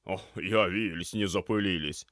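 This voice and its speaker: A man playing a gruff, unflappable shopkeeper. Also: sits low, moderate pace, a bit bright, dry recording, studio quality. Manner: gruff and matter-of-fact. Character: gruff, calm male shop owner.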